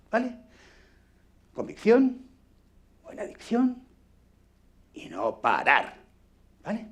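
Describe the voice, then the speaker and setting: A man's voice: fairly high pitch, a little mellow. A man with a Peninsular Spanish accent teaching a radio acting workshop, blunt and foul-mouthed, demonstrating as he talks. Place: workshop room with microphone.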